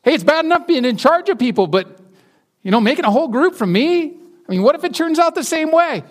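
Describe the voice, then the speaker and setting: A man's voice: very high voice, big pitch swings, fast, pitched above the performer's own voice. A man voicing an exasperated, complaining male prophet in whiny, incredulous outbursts during a sermon.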